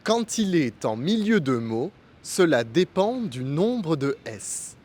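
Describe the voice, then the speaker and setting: A man teaching pronunciation in a slow, scripted lesson, articulating each sound with care. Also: fairly high pitch, very animated, darkish tone, a little hiss or hum. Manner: careful, deliberate articulation. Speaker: French teacher.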